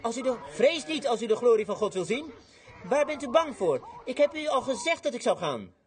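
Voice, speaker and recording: A preacher voicing Jesus, reassuring a frightened father in a gentle, steady way. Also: very high-pitched, brisk, pitched above the performer's own voice.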